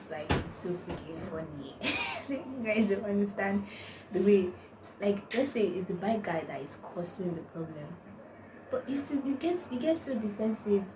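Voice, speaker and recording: Medium in pitch and lively in intonation, she speaks at a moderate pace. She's a young Nigerian-accented vlogger chatting casually to camera, wandering through stories with lots of slang and a steady stream of "like." A distant mic picks her up against a noisy backdrop.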